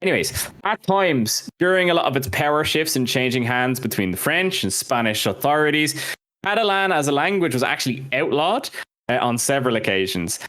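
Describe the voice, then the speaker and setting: Very animated and a little fast, a man whose first languages are Irish and English co-hosts a music history podcast. In a medium-pitched, fairly bright voice, he works casually through scripted notes and laughs at his own mispronunciations.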